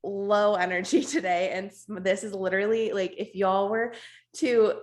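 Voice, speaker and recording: A woman with a hoarse, raspy, strained voice gives an informal, emphatic, unscripted motivational team talk on a video call. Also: mid-range voice, flat delivery, normal speed. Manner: informal, emphatic, repeats for stress, blunt. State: hoarse, losing her voice, coughing now and then. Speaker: network marketing team leader hosting an online meeting.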